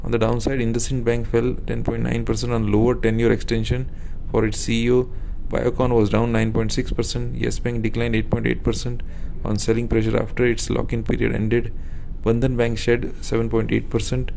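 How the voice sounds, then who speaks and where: A man reading scripted financial market news in a formal, steady delivery. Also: mid-range voice, brisk, gravelly, few pauses, a little hiss or hum, rough recording.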